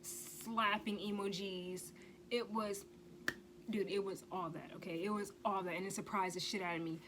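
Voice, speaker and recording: A woman's voice: mid-range voice, fairly even intonation, moderate pace, background noise. A woman telling a personal story in a casual vlog, emphatic and blunt, often stressing points with a rhetorical "okay?" and swearing freely. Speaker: vlogger.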